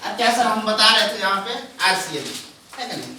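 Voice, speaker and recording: Bright-voiced man lecturing in an echoing hall. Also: high-pitched, expressive, a little fast, a little hiss or hum. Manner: calls listeners "sir" often, asks them questions. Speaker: presenter. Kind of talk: sales seminar talk. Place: large echoing room with an audience. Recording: very echoey room, voice far from the mic.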